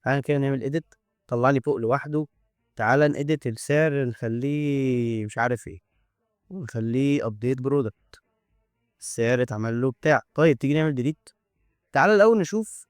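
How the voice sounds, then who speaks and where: A man's voice: mid-range voice, a little mellow, clear, resonant tone, no room sound, clean studio sound. Egyptian man thinking aloud over a demo. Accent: Egyptian Arabic. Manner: chatty, thinking aloud, joking asides. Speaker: tech YouTuber. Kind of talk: casual screen-recorded coding demo.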